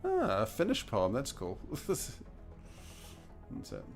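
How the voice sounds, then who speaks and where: Taking his time, this gaming streamer with a New Zealand accent muses casually about the video game he's playing and chuckles a lot. His mid-range voice swoops wildly in pitch and carries vocal fry, with soft music in the background.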